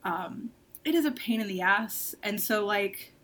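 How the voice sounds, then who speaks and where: A woman's voice: medium pitch, lively intonation, a little slow, fairly bright tone, a little hiss or hum. Frank, intense woman of twenty-nine. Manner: frank and intense, many "like" fillers. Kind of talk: casual book-club chat.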